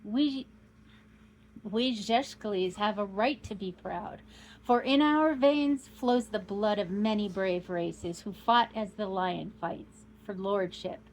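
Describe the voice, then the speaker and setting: A woman's voice: mid-range voice, slow, a little hiss or hum, low-quality recording. A woman doing a proud old nobleman count. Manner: grand, declaiming, swelling to loud outbursts.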